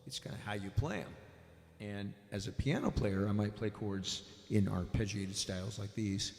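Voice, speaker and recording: A man teaching piano and singing in a relaxed, casual way, his voice drenched in added hall reverb. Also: on the low side, normal speed, vocal fry. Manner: relaxed, demonstrates while explaining. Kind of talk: casual spoken lesson at the piano. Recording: big echoey hall reverb with loud piano.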